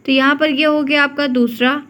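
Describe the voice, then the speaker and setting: Woman teacher, high voice, exam-prep lesson, repeats key words, reassuring. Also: fairly even intonation, normal speed, fairly bright tone.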